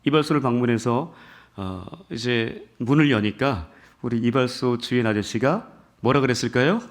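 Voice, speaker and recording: A man's voice: mid-range voice, moderate pace. A man pastor leading scripture reading, then preaching a sermon with jokes, questions to the congregation and rising emphasis. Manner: builds from calm scripture reading to emphatic exhortation.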